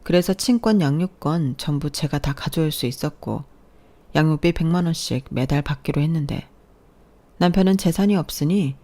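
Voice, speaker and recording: A woman in her thirties narrating a personal story in a calm, matter-of-fact way. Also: low-pitched, normal speed.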